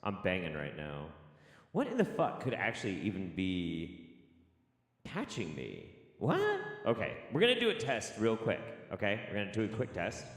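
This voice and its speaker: Male host, low-ish voice, lively delivery, rambling and self-mocking; cave echo with long reverb. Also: normal speed. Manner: rambling, swearing, laughing at himself. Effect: cave-like echo on the mic. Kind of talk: casual online show chat. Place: home studio. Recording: echoey mic with long reverb.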